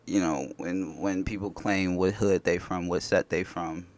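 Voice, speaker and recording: A man's voice: deep voice, fairly even intonation, a little slow. A man in his twenties from Indianapolis, a guest in a casual conversation, rambling loosely with many fillers. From Indianapolis, United States. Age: 20s.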